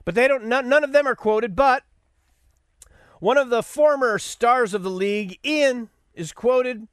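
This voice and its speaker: A man's voice: extremely high pitch, measured pace, fairly bright tone, smooth, no echo, clean studio sound. A man hosting a podcast, delivering a sarcastic, rambling commentary monologue with stammered restarts. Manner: sarcastic, mocking. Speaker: podcast host.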